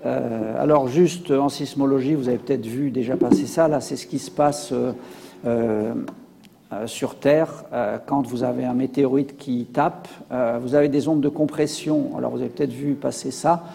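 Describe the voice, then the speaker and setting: A man's voice: mid-range voice, fairly even intonation, normal speed, vocal fry, warm tone, in a large hall, slight background noise. A man giving a public science lecture with slides, hesitant, with many fillers and restarts.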